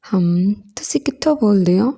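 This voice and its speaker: A woman voicing a confused young man who gives short, halting, childlike answers, in a storybook reading. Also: medium pitch, animated, gravelly, dark tone. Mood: vague.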